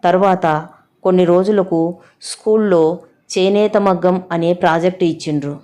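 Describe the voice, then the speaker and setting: A woman narrating a village story in a steady, plain way, with a Telangana Telugu accent. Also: lowish voice, normal speed.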